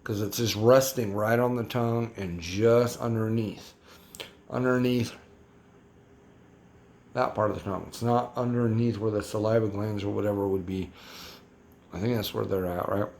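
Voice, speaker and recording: A man's voice: lowish voice, fairly even intonation, normal speed, creaky, pauses often, darkish tone. A man casually reviewing a hot sauce for his vlog, rambling and slangy, repeating himself as he talks.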